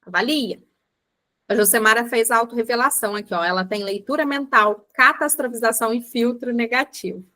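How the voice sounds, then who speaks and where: A Brazilian psychologist woman gives a casual online lecture in a bright, somewhat high voice. She chats with her listeners directly and acts out little everyday examples as she teaches. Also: brisk. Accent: Brazilian Portuguese. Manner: chatty, addresses audience as "gente", acts out examples. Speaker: psychologist teaching a book club class.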